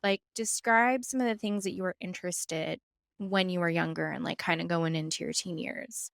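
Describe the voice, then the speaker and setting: A woman with a low voice full of vocal fry asks long, rambling questions as a podcast co-host. The recording is dry and close, with no room around her. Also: steady tone, normal speed, dry recording. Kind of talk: casual conversational interview.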